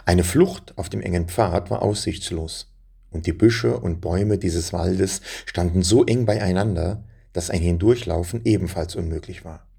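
A man narrating a children's story in a calm, measured way, addressing young listeners. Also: sits low, gravelly, breathy edge.

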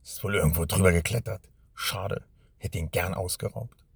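A man voicing a menacing older male robber with a smoky, gruff voice and a taunting manner. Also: sits low, moderate pace, dry recording, clean studio sound, full character voice. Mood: grumbling. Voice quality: smoky, gravelly.

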